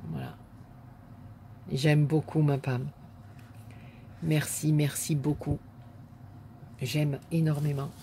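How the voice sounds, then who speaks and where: A woman's voice: sits low, level tone, slow, long pauses, warm tone, a little hiss or hum. A woman vlogger chatting casually to viewers as she unboxes a parcel, gushing and repeating her words of praise with many fillers.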